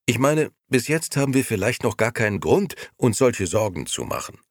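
In a storybook reading, a man voices a young male storyteller who dodges questions and pleads in a frightened, rushed manner, sounding anxious. His mid-range voice, pitched above his natural one, swings widely in pitch at a moderate pace, recorded cleanly in a studio with no room sound.

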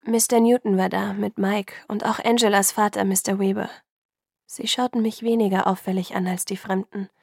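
Woman reading a novel, gravelly and dry. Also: medium pitch, fairly even intonation, moderate pace, no room sound. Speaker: audiobook reader. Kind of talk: first-person novel narration.

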